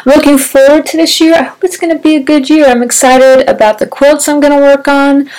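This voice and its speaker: A woman's voice: high-pitched, fairly even intonation, fairly quick, a little mellow, low-quality recording. A middle-aged woman chatting casually and upbeat on her solo podcast, rambling a little, her speech slightly wet and slurred from braces. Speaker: podcast host.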